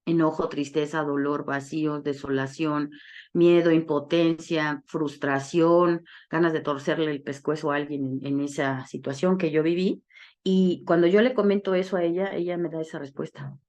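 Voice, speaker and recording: Low-voiced woman telling her story. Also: fairly even intonation, normal speed, darkish tone. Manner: storytelling, acting out quoted dialogue; frequent tag questions. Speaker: speaker at a support group. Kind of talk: personal testimony talk.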